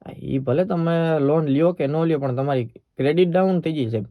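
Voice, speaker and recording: A man with a Saurashtra Gujarati accent makes a prank call in casual dialect, posing as a bank employee who is polite, persistent, and official-sounding. His voice is on the high side and brisk, with phone-quality sound and no echo.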